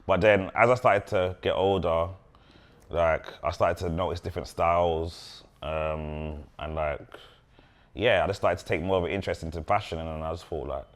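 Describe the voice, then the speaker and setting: A man's voice: deep voice, steady tone, normal speed. A young man with a London roadman accent and street slang, chatting casually as a podcast guest. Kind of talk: casual chat.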